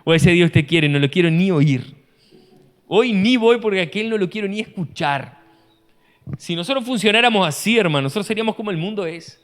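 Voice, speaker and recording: A man, a pastor preaching an animated sermon full of rhetorical questions, recorded in a church hall. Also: sits high, a little fast. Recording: long church-hall reverb.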